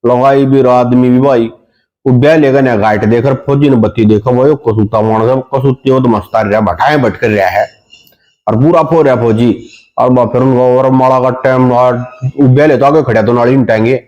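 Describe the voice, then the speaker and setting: A man with a Haryanvi accent tells folksy jokes in broad dialect. His voice is mellow and relaxed, with a slightly dull, lo-fi recording. He puts on sing-song voices for the people in his stories. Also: mid-range voice, fairly quick. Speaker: comedian. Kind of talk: telling folk jokes.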